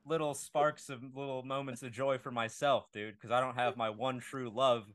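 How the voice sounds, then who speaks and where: A man's voice: mid-range voice, fairly even intonation, fairly bright tone, dry recording, studio quality. Laid-back male comedian co-hosting a podcast. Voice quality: loose, laughing banter with drawn-out fillers. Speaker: podcast co-host. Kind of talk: casual comedy podcast chat.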